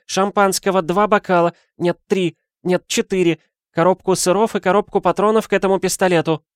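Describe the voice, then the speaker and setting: A man voicing a haughty, sharp-tongued young married lady in an audiobook, with a scornful, imperious manner. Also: high voice, steady tone, a little fast, smooth, no room sound, clean studio sound, voice pushed up, lightly acted. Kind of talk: audiobook character voice.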